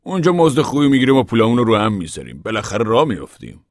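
A man voicing a determined older farmer father who speaks loudly and insistently in an audiobook reading. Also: mid-range voice, sing-song, no echo, studio quality, voice pushed up, close to an everyday voice. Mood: earnest. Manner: loud, insistent, raised voice.

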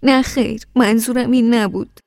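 A woman's voice: high-pitched, pitched above the performer's own voice, close to an everyday voice. A woman reading an audiobook, voicing a tearful young wife who pleads in a raised, insistent voice. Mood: hurt.

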